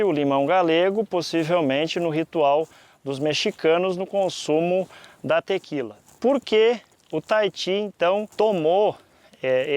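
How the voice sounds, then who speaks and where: Southern brazilian guy, voice a bit on the high side, explaining stuff to viewers, teachy and deliberate w pauses. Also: a little mellow. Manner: didactic, deliberate, often pausing mid-sentence. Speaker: presenter of a fruit-growing lesson.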